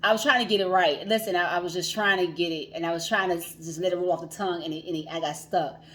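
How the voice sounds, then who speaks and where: Chatty woman coach, low voice. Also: steady tone, fast talker, a bit bright. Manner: chatty, laughs often, repeats herself. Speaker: financial coach and livestream host. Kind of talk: casual livestream talk.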